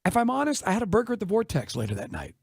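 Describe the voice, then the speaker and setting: An American man hosting a radio show in casual, chatty, opinionated talk with an animated manner. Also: sits high, racing, husky, no echo, clean studio sound. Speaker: sports radio host. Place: radio studio. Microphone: close broadcast microphone.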